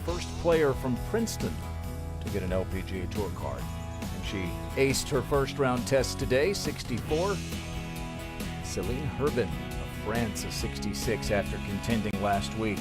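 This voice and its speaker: A man's voice: fairly low pitch, lively intonation, measured pace, over loud music. A man commentating on live golf as a broadcast announcer, giving shots and player notes in short clipped phrases.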